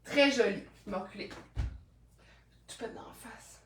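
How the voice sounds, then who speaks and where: A woman's voice: on the high side, normal speed, background noise. A woman with a Québécois accent chatting playfully as she tries on secondhand clothes, talking to a camera across an indoor room. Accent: Québécois French. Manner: playful, chatty, jokes to herself. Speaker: vlogger showing secondhand clothes. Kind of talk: casual fashion try-on chat. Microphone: camera at a distance. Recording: roomy echo from mic distance.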